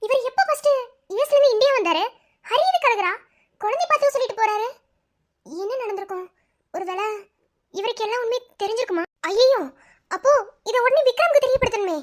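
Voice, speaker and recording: A woman's voice: very high-pitched, expressive, fairly quick, pauses often. A woman voicing an anxious young village wife with a Madurai Tamil accent in a cartoon, fretting and asking worried questions. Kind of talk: cartoon voice acting.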